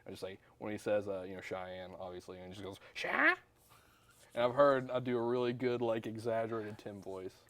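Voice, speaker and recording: A man's voice: fairly low pitch, fairly even intonation, quick pace, hardly any pauses, slight background noise. A young man co-hosting a casual chat, joking and teasing. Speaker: co-host.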